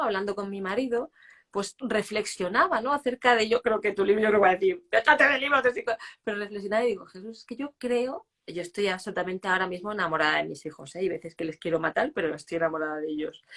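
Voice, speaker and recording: A woman's voice: medium pitch, fast talker, fairly bright tone. Candid woman host, reflective talk. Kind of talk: casual interview talk. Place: live online stream.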